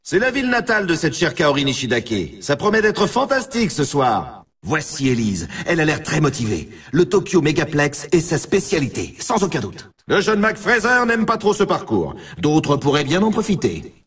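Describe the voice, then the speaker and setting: A video game's excitable snowboard announcer swoops widely through scripted race commentary, stretching words for showman-like drama. His fairly high voice has a rough, husky grain, sits back from a distant mic, and moves at normal speed with few pauses. The heavily acted delivery sounds upbeat and hyped.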